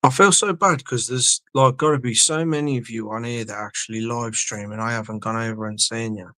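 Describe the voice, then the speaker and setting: A man's voice: mid-range voice, a little fast, pushed and bright, no room sound. A man hosting a livestream, chatting casually with viewers in a rambling way, swearing and sometimes losing his words. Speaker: livestream host. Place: indoor home studio.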